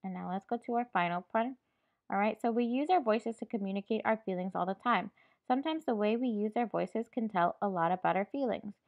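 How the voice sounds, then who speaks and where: A woman's voice: medium pitch, fairly quick, gravelly. A woman teacher reading a picture book aloud to her class and patiently checking in with the children. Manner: patient, checks in with frequent "all right". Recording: dull lo-fi recording.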